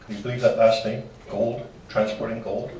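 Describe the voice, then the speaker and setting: A man's voice: fairly low pitch, flat delivery, moderate pace, background noise. Folksy man lecturing in a hall. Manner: folksy, with joking asides. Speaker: local history presenter. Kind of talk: slide-show talk to a club. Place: meeting room. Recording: roomy hall from far off.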